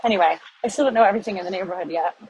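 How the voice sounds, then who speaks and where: A middle-aged American vlogger heads down city streets, thinking aloud and rambling very quickly. Her voice is fairly low and a little mellow, though the audio is poor and faint street noise comes through.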